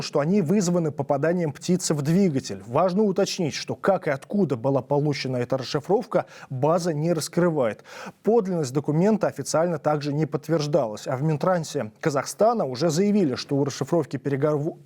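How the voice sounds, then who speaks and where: Male news presenter, scripted narration, fairly high voice, soft mellow tone.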